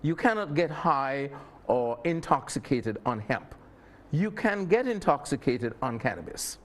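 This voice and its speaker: A man's voice: medium pitch, very animated, a little slow, a little hiss or hum. A man from Saint Kitts, explaining things emphatically as an expert guest in a panel discussion.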